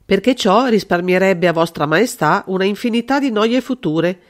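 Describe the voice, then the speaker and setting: A woman reading a calm, clever male detective in an audiobook, measured and explanatory. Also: medium pitch, lightly acted. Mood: composed.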